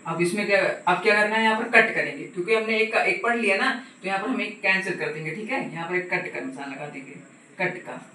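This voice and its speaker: A man's voice: sits high, fast talker, pushed and bright, a little hiss or hum. Man, math tutor, patient and repetitive, echoey room, distant mic. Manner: patient, repeats "ठीक है" and asks the viewer questions. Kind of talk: casual step-by-step math lesson.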